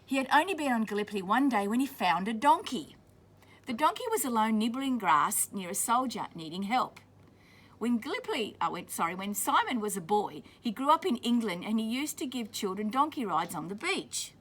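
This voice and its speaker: Reading a picture book to children, a school staff member stops now and then to put words into plain language. Her voice is a little high, sing-song and fairly bright.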